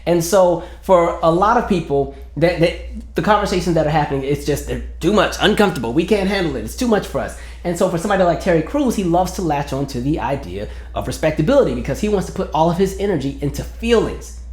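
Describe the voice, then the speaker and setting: A man's voice: on the high side, lively intonation, quick pace, roomy sound. A man giving an earnest opinion monologue as a commentary vlogger, building his argument point by point and sometimes acting out quoted voices.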